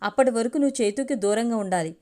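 A woman's voice: on the high side, quick pace, a little mellow, close to an everyday voice. A woman voicing a stern, protective middle-aged mother in a storybook reading, in a scolding, commanding manner.

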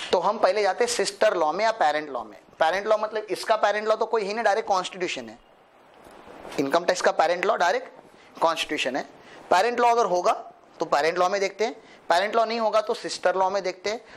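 In a classroom lecture that mixes Hindi and English, a high-pitched male tax law teacher walks accountancy exam students through the material step by step. He checks understanding with frequent tag questions and playfully poses the students' questions himself, joking as he goes. A slight hiss or hum sits under the audio.

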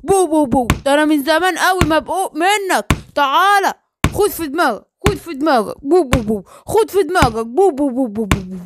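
A woman with an Egyptian Arabic accent voicing a bullying, gruff male tiger in a cartoon story. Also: high voice, lively intonation, fast talker. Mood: taunting. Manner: gruff and taunting. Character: bullying male tiger who hits everyone. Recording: loud noise with clicks.

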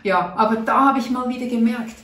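Telling a personal story to camera, this middle-aged natural health vlogger from Switzerland is chatty and earnest, acting out her thoughts as she sits at a table in a small room. Her fairly bright voice is a little high and a little fast, captured off-mic from a distance with a roomy sound.

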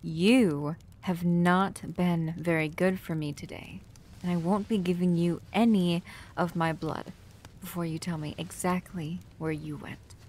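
A woman's lowish, steady voice, slightly slow and lightly acted, carries an upset, stern mood as she plays a vampire's protective, doting human caretaker. It's a soft-spoken, intimate ASMR roleplay that often drops near a whisper, with background ambience clearly present.

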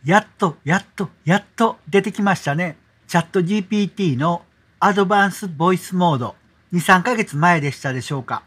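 A middle-aged man with a Kansai accent, relaxed and explanatory, walking viewers through an app as a tutorial host. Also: high-pitched. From Kansai, Japan.

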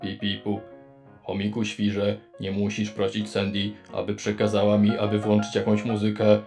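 A performer voicing a household robot helper in a low monotone robot voice, beeping before each reply and speaking stiffly and literally. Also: moderate pace, gravelly. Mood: robotic. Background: background music.

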